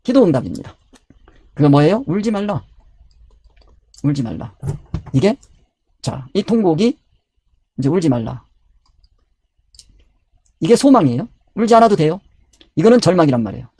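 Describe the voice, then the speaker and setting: Male preacher, slightly high and husky, who asks and answers his own questions. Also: big pitch swings, moderate pace, pauses often, dark tone, no room sound. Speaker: pastor. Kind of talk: Bible study sermon.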